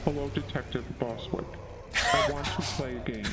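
Oddly pitched-up slasher killer. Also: male voice, normal speed, heavy background noise. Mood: taunting menace. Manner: slasher killer menace, silly and stilted. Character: creepy slasher copycat serial killer taunting a detective. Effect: artificially pitched-up voice. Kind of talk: scripted horror film villain monologue. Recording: film clip under loud music.

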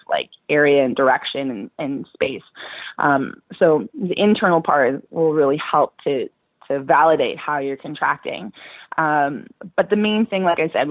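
A woman's voice: low voice, no room sound. A woman therapist explaining pelvic floor care in an interview, her voice coming through a tinny phone line, reassuring and practical with frequent fillers.

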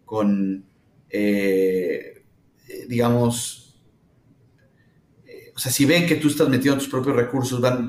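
Mexican guy explaining stuff slowly, lots of "eh" and "este", echoey room, mid-range voice. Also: medium pitch. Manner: thoughtful, hesitant with frequent fillers. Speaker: startup founder, guest. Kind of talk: conversational interview answers. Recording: roomy echo.

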